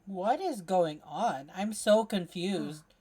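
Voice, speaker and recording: A woman's voice: fairly low pitch, animated, slow pace, warm tone, slightly rough. A woman streaming a game, reacting live with exclamations and swearing.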